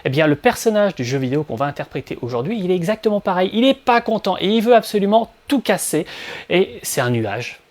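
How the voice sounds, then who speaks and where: A man's voice: high voice, sing-song, a little fast. A man hosting a video game show, giving a playful, chatty gameplay commentary voice-over and talking straight to his viewers. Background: soft game music.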